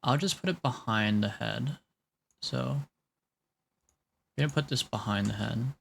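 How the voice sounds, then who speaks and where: A man in his late twenties chats casually with his live stream viewers while drawing, rambling, laughing often and talking to chat. His medium-pitched voice is creaky and a bit bright, with a measured pace and a little hiss or hum in the audio.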